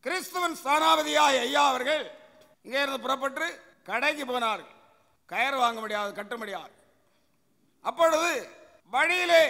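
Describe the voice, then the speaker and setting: A male pastor delivers an emphatic, repetitive sermon with a very high, gravelly voice. His speech rings out with a long reverb, as if from a church hall. He keeps asking rhetorical questions and answering them. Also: pushed and bright. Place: church sanctuary.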